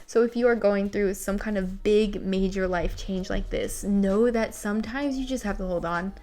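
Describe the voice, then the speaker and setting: A woman's voice: mid-range voice, normal speed, a little mellow. A woman in her twenties talking casually and confessionally to camera, candid and self-deprecating, as she shares and comments on personal writing. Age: 20s. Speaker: vlogger. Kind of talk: casual confessional talk to camera, reading and commenting on an old journal. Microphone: recorded at home with a ring light set up.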